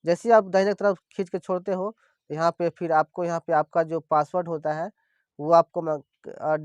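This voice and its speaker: A man's voice: a little high, a little mellow, no room sound. A man explaining an app step by step in a screen-recorded tutorial, repeating himself often as he points things out. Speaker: crypto tutorial presenter. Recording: dull lo-fi dry voice-over.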